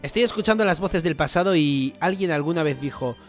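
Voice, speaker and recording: A young man with a Spain Spanish accent reading a manga chapter aloud and reacting to it, excitable, swearing freely and bursting into shouts. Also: a little high, brisk, soft background music. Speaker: anime reaction host. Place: home, floor above construction work.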